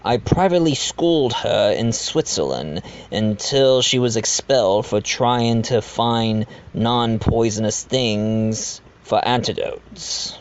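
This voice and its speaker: A man's voice: mid-range voice, animated, takes it slowly, hardly any pauses, highs cut off, a little hiss or hum. A man playing a genteel, blackmailing manor owner who confides in the listener in an amateur audio drama. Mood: fond. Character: blackmailing manor owner, self-aware, genteel adoptive father.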